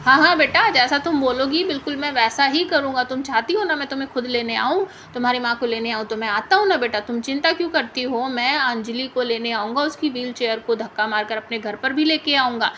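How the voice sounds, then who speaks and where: A woman's voice: fairly high pitch, brisk, few pauses, a bit bright, slight background noise, close to an everyday voice. Woman reading as a coaxing old grandfather. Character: older man, a pleading, eager grandfather.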